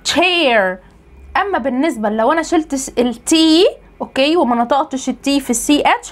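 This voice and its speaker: A young woman with an Egyptian Arabic accent, an English pronunciation trainer, explaining a lesson and answering her own questions. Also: sits high. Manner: lively teacher, asks and answers own questions.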